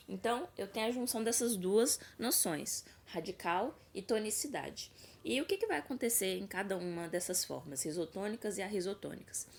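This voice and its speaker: A woman talks through a grammar lesson, pausing on fillers and correcting herself as she explains. Her voice sits a little low and has a gravelly edge. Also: a little mellow. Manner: explanatory, many hesitation fillers and self-corrections. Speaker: teacher.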